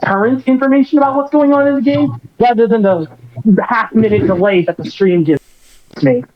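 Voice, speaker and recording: A man's voice: very high voice, fairly quick, a little hiss or hum. A man talking on a voice call through his phone with headphones, explaining his setup in a laid-back way. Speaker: player. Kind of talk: casual chat on a voice call. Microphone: phone mic with headphones. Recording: muffled phone-call audio.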